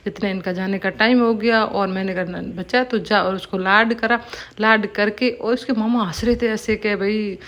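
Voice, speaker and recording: A woman's voice: mid-range voice, flat delivery, normal speed, fairly bright tone. Chatty Rajasthani village woman vlogging. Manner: chatty, often says "bhai". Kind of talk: casual vlog narration.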